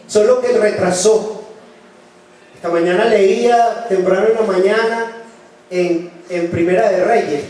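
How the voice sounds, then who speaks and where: High-voiced preacher in an echoing church. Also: male voice, darkish tone, far from the mic. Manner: earnest storytelling, shifts voice for quoted speech. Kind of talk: sermon. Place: church hall. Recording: very echoey church from afar, faint noise.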